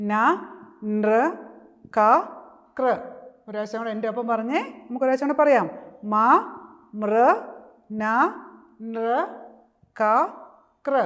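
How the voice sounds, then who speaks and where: A woman with a Malayali accent teaching a kindergarten reading lesson, sounding out syllables slowly and coaxing the children to repeat after her. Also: mid-range voice, darkish tone. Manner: slow, coaxing call-and-response with drawn-out syllables.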